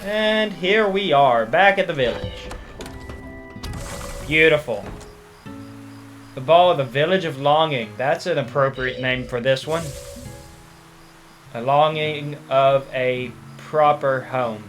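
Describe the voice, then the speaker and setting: A man hosting a let's play, giving relaxed, casual commentary with chuckling asides. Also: a little high, slow pace, long pauses. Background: game music.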